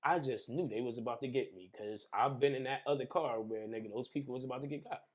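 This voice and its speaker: A man's voice: mid-range voice, fast talker, dull audio. Young man telling wild stories, slang-heavy. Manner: animated storyteller, heavy slang, acts out scenes with sound effects. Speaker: podcast guest. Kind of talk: casual conversation over drinks.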